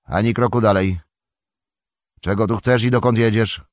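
A man voicing a gruff, talkative middle-aged hobbit farmer who speaks loudly and bluntly in a raised voice. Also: lowish voice, animated, a little slow, no echo, studio quality, pitched above the performer's own voice. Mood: stern. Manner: loud, blunt, homely and talkative.

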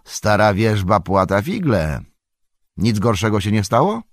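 A man voicing Tom Bombadil, booming and merry. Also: big pitch swings, unhurried, no room sound, clean studio sound. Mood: boisterous. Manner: booming, singsong, merry and bossy. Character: jolly, boisterous, bearded old forest spirit-man. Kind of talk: audiobook character voice.

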